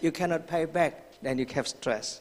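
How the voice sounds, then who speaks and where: A man preaching a sermon in halting English, pausing line by line for an interpreter. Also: a little high, big-room sound. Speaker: pastor. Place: church hall.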